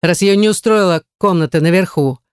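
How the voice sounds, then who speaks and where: A woman's voice: fairly low pitch, brisk, clean tone, dry recording, clean studio sound, natural voice. A woman voicing a cold, cruel male leader of captors who growls threats. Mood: gloating.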